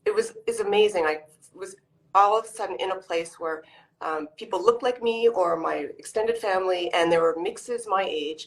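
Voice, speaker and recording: This Canadian woman in her forties is an author guest in a relaxed video-call interview, chatting with frequent ums and false starts. Her pitch is fairly low, and the recording quality is poor.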